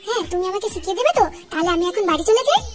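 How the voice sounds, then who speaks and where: Naive squeaky cartoon girl. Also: very animated, very fast. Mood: innocent. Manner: innocent, questioning. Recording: cartoon dub with loud background music.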